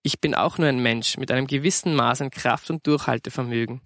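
A man's voice: medium pitch, fairly quick, fairly bright tone, lightly acted. A worn-out working mother with a dry, weary way of speaking, as a male narrator voices her. The voice stays in a middle register, close to his own. Recorded dry with no room echo. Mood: exasperated.

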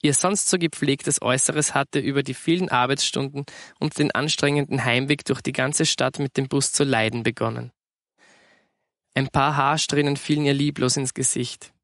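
A man calmly narrating a scripted story. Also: medium pitch, normal speed, no room sound, studio quality.

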